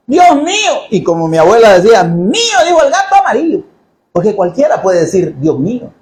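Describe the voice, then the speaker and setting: High-voiced animated preacher. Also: male voice, roomy sound, low-quality recording. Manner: animated, jokey, asks the congregation questions. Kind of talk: sermon. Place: church.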